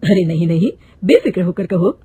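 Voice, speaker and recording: A woman's voice: on the low side, animated, moderate pace, slight background noise, lightly acted. A woman voicing a mild, agreeable young husband in a cartoon story. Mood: calm. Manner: gentle, reasonable.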